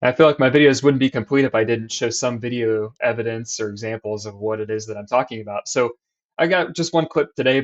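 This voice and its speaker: A man, a basketball coach, explaining defense in a voice-over over diagrams and game clips, with restarts as he points things out. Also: mid-range voice. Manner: explanatory, restarts and fillers while drawing on screen. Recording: slightly dull lo-fi sound.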